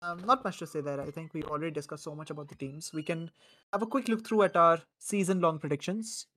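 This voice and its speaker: A man's voice: fairly high pitch, fairly even intonation, fast, fairly bright tone. A man hosting a casual podcast, chatting loosely and laughing often as he reads out the picks. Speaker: podcast host. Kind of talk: casual cricket podcast chat.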